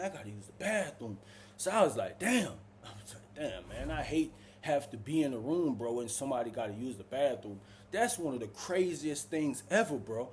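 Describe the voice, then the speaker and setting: A man telling a prison story in a casual, animated, slangy way. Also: a little hiss or hum. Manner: animated, slangy, keeps saying "bro" and "boom".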